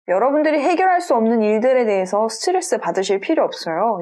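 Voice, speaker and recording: Gentle, reassuring woman tarot reader. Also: on the high side. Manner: gentle, reassuring, addresses viewers directly. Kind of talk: general tarot reading for viewers.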